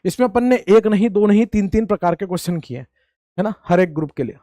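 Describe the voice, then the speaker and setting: A man's voice: high-pitched, expressive, fast, warm tone, no room sound, clean studio sound. A man teaching chemistry in a casual, joking lecture, who repeats key points and asks and answers his own questions while addressing students like friends. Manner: chatty and teasing, talks to students as friends. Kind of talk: informal classroom lecture.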